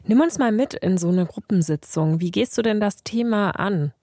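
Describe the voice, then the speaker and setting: A woman hosting a news podcast, presenting a radio feature in a calm, measured, scripted way. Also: mid-range voice, dry recording, studio quality. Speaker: podcast host.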